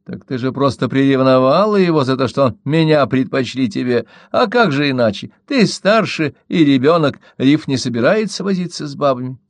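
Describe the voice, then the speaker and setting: A man's voice: medium pitch, animated, normal speed, hardly any pauses, no room sound, pitched above the performer's own voice, lightly acted. A man voicing a giddy, infatuated young woman who gushes breathlessly, in a storybook reading. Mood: spiteful. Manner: breathless and gushing.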